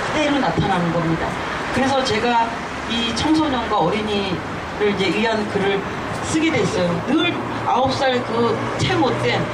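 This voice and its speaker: A woman in her fifties, a children's author, giving a halting, earnest personal speech at an outdoor rally. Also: a little high. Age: 50s. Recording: distant mic with loud street noise.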